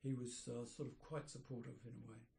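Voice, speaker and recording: An older man, an architect, reminiscing in an interview, rambling and pausing to search for names. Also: mid-range voice, little pitch movement, gravelly, warm tone. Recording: roomy echoey room.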